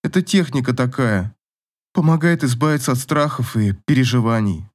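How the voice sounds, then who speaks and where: A man voicing a shy young woman who sniffles and apologizes, raised in pitch. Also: animated, moderate pace, natural voice.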